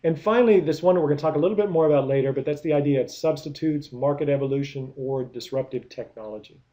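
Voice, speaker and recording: A man's voice: a little high, quick pace, mellow, highs cut off. A man giving a recorded business lecture, explaining step by step with many rhetorical questions and frequent restarts. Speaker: product management lecturer.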